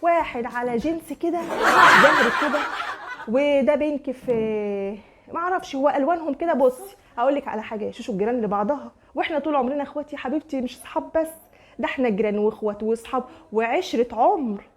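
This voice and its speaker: A woman's voice: high-pitched, fast. A young woman with an Egyptian accent acting in a comic sketch, coaxing and pushy as she talks a neighbor round. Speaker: comedy sketch creator. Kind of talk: comic one-sided phone-style sketch.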